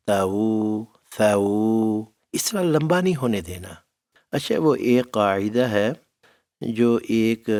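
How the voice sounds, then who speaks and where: A middle-aged man teaching Quran recitation who speaks patiently, calls his students "my child" and draws out syllables slowly to demonstrate them. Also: fairly low pitch, darkish tone. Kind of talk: tajweed lesson.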